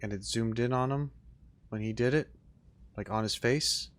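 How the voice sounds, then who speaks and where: A man's voice: medium pitch, normal speed. A man hosting a gaming channel, giving casual, wry commentary while he plays. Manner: laid-back, wry.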